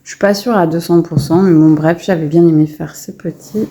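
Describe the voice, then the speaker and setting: A woman's voice: low voice, fairly even intonation, normal speed, noisy background. A woman casually showing her finished coloring pages in a vlog, chatty and full of hesitations and restarts. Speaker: coloring vlogger. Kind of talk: casual show-and-tell vlog.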